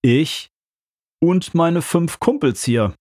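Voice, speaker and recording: A man reading the lines of a pushy male fan in a stadium crowd, bossy and threatening, in a higher voice. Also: animated, takes it slowly, a little mellow, no room sound, studio quality. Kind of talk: audiobook character voice.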